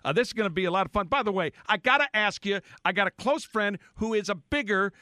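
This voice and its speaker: Direction Bright, high-pitched male radio host, contest promo delivery. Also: expressive, quick pace, no echo, studio quality. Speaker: morning show host. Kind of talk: upbeat radio show hosting with contest promo.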